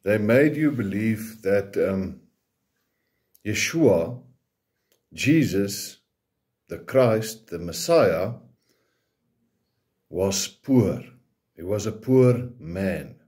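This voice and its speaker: The voice is lowish and darkish, expressive, and delivered very slowly with long pauses. It belongs to a South African man, first language Afrikaans, giving an informal, hesitant preaching talk in Afrikaans-accented English, with phrases often ending in a questioning tag.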